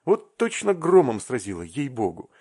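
A man voicing an excitable, effusive young clerk in an audiobook reading, exclaiming emotionally. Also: medium pitch, normal speed, slightly rough, full character voice. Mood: excited exclaiming.

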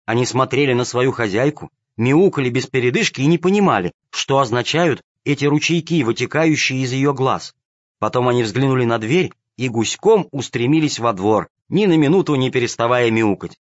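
Man, storybook narration, calm, mid pitch, dry, dull lo-fi sound. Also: moderate pace, no echo.

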